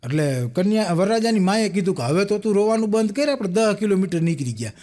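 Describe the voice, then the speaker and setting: A man's voice: high-pitched, fast talker. A young man, telling jokes on a live stage and acting out the people in them. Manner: animated storyteller acting out quoted characters. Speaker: stand-up comedian telling jokes. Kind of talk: Gujarati folk stage joke-telling. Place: live stage show with audience.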